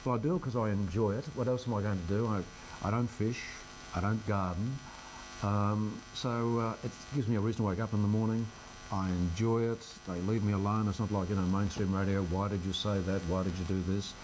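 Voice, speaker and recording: Speaking briskly in a fairly low voice with fairly even intonation, an older Australian man, a local radio host, chats casually during an interview in a radio studio. He has a wry, self-deprecating manner, and there's noise in the background.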